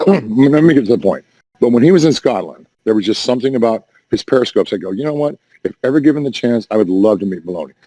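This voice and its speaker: This Discord voice chat caller rambles on casually in a hoarse, worn, mellow voice, saying his voice is damaged. His pitch is mid-range, his intonation lively and his pace quick, and he keeps restarting sentences, repeating himself and getting defensive. The low-quality recording is dry, close-miked and free of echo.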